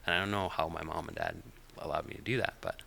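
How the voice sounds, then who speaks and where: A middle-aged man from Finland, a podcast guest whose first language is Finnish, chatting in a relaxed, hesitant way with many fillers. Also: extremely low pitch, quick pace, creaky, slight background noise. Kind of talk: casual interview chat.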